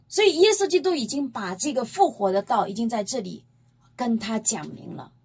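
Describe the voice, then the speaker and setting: A woman with a voice on the high side and a breathy edge preaches a Bible-teaching sermon at a moderate pace. She retells scripture emphatically, in a lively storytelling manner, and poses rhetorical questions to her listeners.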